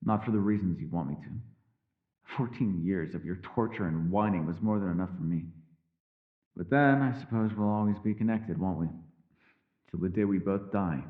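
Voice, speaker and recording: In a fantasy ASMR roleplay, a man voices a secretive, powerful, mysterious elf, using measured, formal, old-fashioned phrasing that shifts between teasing and world-weary. His voice is low and close to an everyday speaking voice, with phone-quality sound. The mood is weary and brooding.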